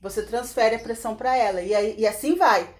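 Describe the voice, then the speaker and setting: A middle-aged woman tells a story in a relaxed, conversational way. Her voice sits a little high, and it leaps up sharply when a moment gets dramatic. She often breaks off for quick laughing asides. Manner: animated retelling with sudden pitch jumps and laughing asides. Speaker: podcast host. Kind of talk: casual storytelling.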